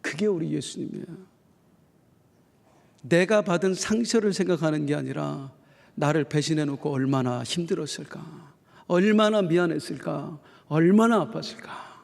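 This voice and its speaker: A middle-aged man preaching a sermon as pastor, telling stories in a folksy, animated way. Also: fairly high pitch, normal speed, gravelly. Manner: folksy, animated storytelling with acted quotes. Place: church sanctuary. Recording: long church hall reverb.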